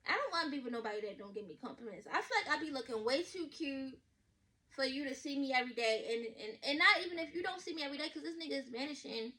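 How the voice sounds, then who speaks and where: A woman, reacting to a story in blunt, sassy, animated casual commentary. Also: high-pitched, quick pace. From Baltimore, USA. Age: 20s. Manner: blunt, sassy, loud and animated with slang and swearing. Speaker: vlogger reacting to a reader's story.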